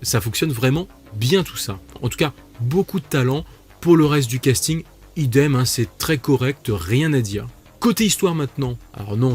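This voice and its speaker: A man's voice: mid-range voice, a little mellow. Chatty man with jokey asides. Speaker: YouTube series reviewer. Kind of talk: casual video review.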